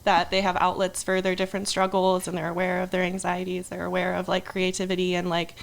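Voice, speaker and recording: A woman's voice: fairly low pitch, monotone, fast talker, creaky. A young woman from Indonesia, a podcast guest talking casually, rambling with lots of "um" and "like" and frequent laughs. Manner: rambling, many "um" and "like", laughs often. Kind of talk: casual interview chat.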